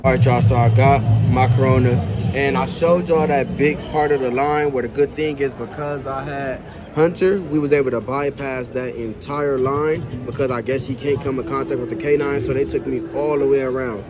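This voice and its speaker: A man's voice: mid-range voice, steady tone, normal speed. Laid-back young man vlogging on a phone. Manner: laid-back slangy talk to viewers. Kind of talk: casual travel vlog. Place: airport terminal, walkway and parked car. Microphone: phone held low at arm's length. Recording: noisy background.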